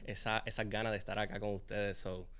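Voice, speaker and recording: Man, Puerto Rican accent, podcast guest, smooth clear voice, friendly, casual. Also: on the low side, level tone, a little fast, fairly bright tone. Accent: Puerto Rican Spanish. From Puerto Rico. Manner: friendly, with filler words and restarts.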